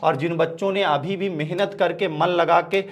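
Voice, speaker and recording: A man's voice: on the high side, fairly even intonation, normal speed. A male physics teacher gives a direct exam-prep lesson, often calling his students "beta" and checking in with them. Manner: direct, repeats "ठीक है" and calls students "बेटा".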